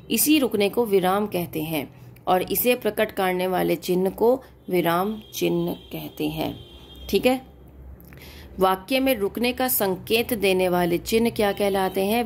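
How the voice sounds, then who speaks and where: A woman's voice: mid-range voice, a little mellow, a little hiss or hum. A woman teaching a grammar lesson to young children on her channel, explaining patiently and often checking with the class.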